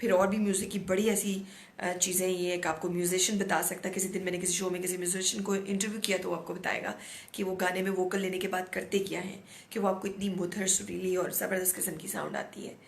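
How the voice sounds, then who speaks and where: A middle-aged woman host with a hoarse throat, talking outspokenly in a casual monologue and mixing in English words. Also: fairly low pitch, fast talker, a little hiss or hum. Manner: outspoken, animated, mixes English words into Urdu. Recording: echoey room, no proper mic.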